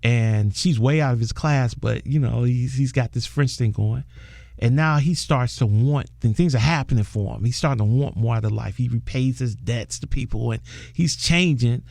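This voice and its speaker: Male director guest, lively storyteller who does the voices, in a dry close-miked room. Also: medium pitch, moderate pace, creaky, no echo. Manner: animated storyteller, acts out quoted voices. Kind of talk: casual interview talk.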